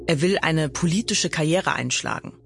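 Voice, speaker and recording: A woman hosting a podcast, narrating a documentary story in a calm, measured way. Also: sits low, gravelly, soft background music.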